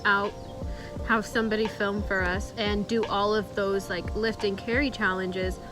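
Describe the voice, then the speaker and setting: A woman's voice: medium pitch, steady tone, a little slow. A woman co-hosting a vlog, chatting casually in informal, conversational phrasing. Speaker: vlog co-host. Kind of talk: casual couple vlog chat. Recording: background music behind speech.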